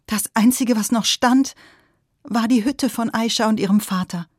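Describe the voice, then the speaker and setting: A woman storyteller telling a folktale to listeners, with expressive delivery that speaks to them directly. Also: fairly high pitch, normal speed, breathy edge, dry recording, clean studio sound.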